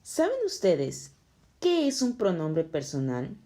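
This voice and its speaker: A woman reading a scripted lesson for schoolchildren, explaining slowly and clearly. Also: lowish voice, wildly swooping pitch, warm tone. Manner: slow, clear, explaining to children. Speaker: teacher.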